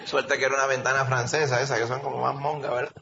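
A man preaching an animated sermon, telling stories and calling listeners brother. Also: medium pitch, quick pace, vocal fry, a little hiss or hum. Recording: dull lo-fi recording, faint ambience.

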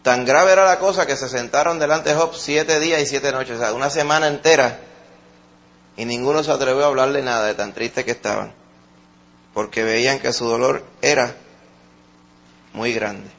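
A man with a Puerto Rican accent preaching a sermon, swinging between loud emphatic peaks and soft, low asides. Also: moderate pace, pauses often, muffled recording.

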